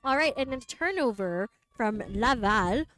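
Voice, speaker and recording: A woman calls the game from the sideline of an outdoor field, moving easily between English and French. Her voice sits high. A faint hiss of noise runs under it. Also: expressive, unhurried, a bit bright. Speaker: sports commentator. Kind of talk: bilingual play-by-play commentary. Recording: light wind noise.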